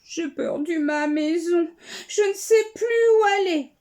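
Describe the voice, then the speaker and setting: A woman's voice: very high voice, slow pace, dark tone. A woman voicing a small lost mouse, plaintive and tearful.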